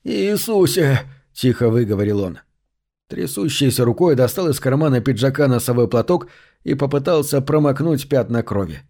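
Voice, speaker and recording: Brief: male audiobook narrator, first person, warm dark tone, measured delivery. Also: medium pitch, lively intonation.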